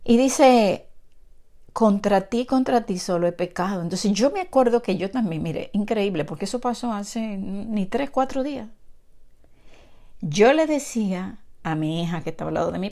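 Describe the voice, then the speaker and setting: Woman preacher, earnest and heartfelt, some gravel in the voice, talking right to the congregation. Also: lowish voice, a little mellow. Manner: earnest, emotional, addresses listeners directly. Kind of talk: Bible teaching with personal testimony.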